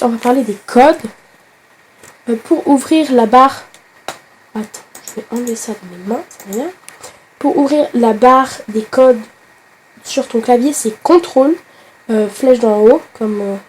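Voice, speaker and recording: Hoarse lady with a flu walking you through a game, mellow low tone, chatty, bit higher voice. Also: slight background noise. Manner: chatty, talks straight to the viewer, hesitant fillers. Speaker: gaming tutorial host. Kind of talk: casual game tutorial.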